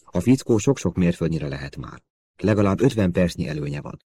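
A man reading the lines of a brisk male intelligence officer who gives clipped orders. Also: deep voice, sing-song, warm tone, breathy edge, no room sound, studio quality, exaggerated voice.

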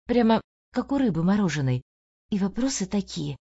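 A woman voicing an eager, earnest young woman who speaks in a lively, raised voice. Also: medium pitch, moderate pace, husky. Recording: dull lo-fi audio.

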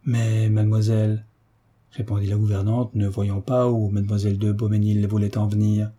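A man narrating a classic novel aloud at a calm, measured pace. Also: lowish voice, slightly rough. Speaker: audiobook narrator.

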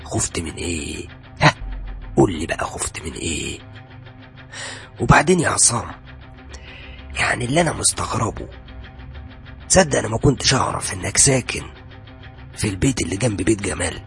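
An actor playing a menacing police interrogator who taunts and threatens a suspect in an audio drama. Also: male voice, fairly low pitch, sing-song, a little fast, vocal fry, long pauses, faint music behind, full character voice. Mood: taunting. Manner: taunting, sarcastic, sudden shouts. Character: menacing male police interrogator, mocking and cold. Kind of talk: audio horror drama acting.

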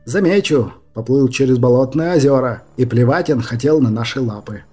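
A man's voice: mid-range voice, normal speed, warm tone, slightly rough, soft background music, lightly acted. A large, touchy young dragon from an audiobook, airing grievances in a blustering, aggrieved way, played by a man. The voice stays close to a plain male mid register. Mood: indignant. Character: big grumpy young male dragon, indignant complainer. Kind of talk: audiobook character voice.

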